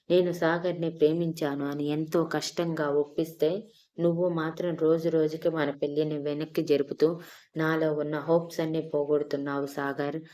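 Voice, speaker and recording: Woman doing a young lover in a storybook, pleading, low dark voice, pretty flat. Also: close to an everyday voice. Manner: emotional, pleading, scolding.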